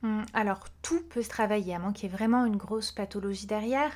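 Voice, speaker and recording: A woman who works as a vocal coach, explaining her ideas in a relaxed interview with frequent hesitations. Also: mid-range voice, fairly quick. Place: podcast recording.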